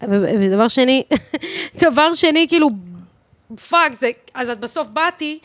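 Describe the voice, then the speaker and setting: A woman of thirty-one with an Israeli accent, chatting casually as a podcast guest in an animated, emphatic way, with slang and English swearing mixed in. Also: high-pitched, dry recording, clean studio sound. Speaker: guest singer, DJ and voice teacher.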